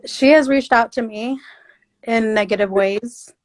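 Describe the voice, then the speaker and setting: A woman's voice: on the high side, a little slow. A woman in her twenties talking casually as a caller on an advice show. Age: 20s. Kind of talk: casual conversation. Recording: roomy, echoing sound.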